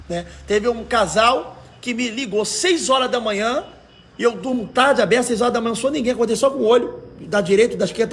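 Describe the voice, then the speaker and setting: An evangelical pastor from Brazil preaches in a strikingly high, hoarse, raspy voice. He speaks colloquially and with emphasis, pushing his listeners with rhetorical questions and exhortations, like an informal livestream sermon.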